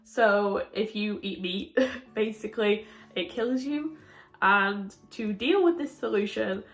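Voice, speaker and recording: A woman with a slight cold gives a casual, chatty book review, sounding muffled as if through a window. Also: medium pitch. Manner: informal, laughs often as she talks. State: a little sick with a cold. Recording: roomy echo, muffled sound.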